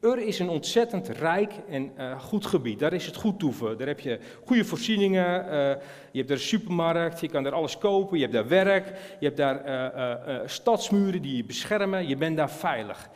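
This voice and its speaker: A man with a Dutch accent preaches in a loose, conversational way, stumbling over fillers and tossing questions to the listeners. His voice sits a little high for a man. The sound carries a long reverb from the church hall. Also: animated, moderate pace. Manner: chatty, hesitant, many fillers, asks the audience questions. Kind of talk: informal sermon.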